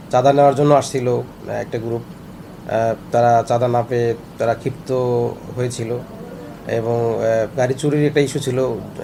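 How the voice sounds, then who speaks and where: A man, a company administration manager, answering reporters in a measured official way, pausing often with hesitation sounds. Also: medium pitch, vocal fry. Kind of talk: on-the-spot press statement. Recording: noisy street recording.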